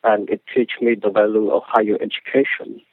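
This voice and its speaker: Guest author, Cambodian accent, earnest and halting, tinny phone-line sound. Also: male voice, on the low side, little pitch movement, slightly rough, no room sound. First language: Khmer. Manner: earnest, halting with restarts and non-native grammar. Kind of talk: interview answer.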